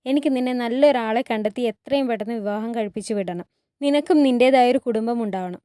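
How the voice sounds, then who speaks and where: A worried royal mother gives firm, earnest advice, voiced lightly by a woman narrating a storybook retelling. The tone is mellow and slightly high. It is recorded dry and close. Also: fairly quick, smooth, dry recording, lightly acted. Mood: stern.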